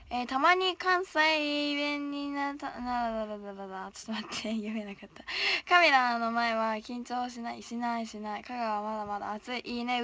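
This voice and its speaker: A woman's voice: a little high, pushed and bright, no room sound. A young woman idol chatting casually on a livestream, reading viewer comments aloud in a playful way and often dropping to a whisper. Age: young, still a student.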